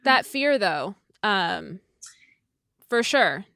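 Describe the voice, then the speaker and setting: A woman's voice: medium pitch, very animated, drawn-out words, crowd noise. A woman guest on a podcast, talking openly and reflectively in casual chat.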